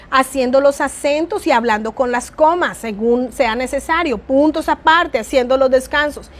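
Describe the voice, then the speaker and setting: High-voiced woman teaching, soft and expressive. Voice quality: naturally soft, low-volume voice. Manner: varies tone and volume for emphasis, addresses listener as "mi amado". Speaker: church teacher. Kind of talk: online class lecture.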